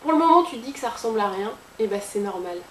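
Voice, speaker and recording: Quick and expressive, this beauty vlogger's slightly high voice carries a chatty, playful makeup tutorial peppered with sound effects and jokes. The recording has an echoey room sound and faint hiss.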